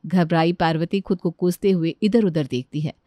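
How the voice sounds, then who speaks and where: Woman narrator, calm storybook read, dry close sound. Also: lowish voice, moderate pace, no echo. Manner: even, storytelling delivery.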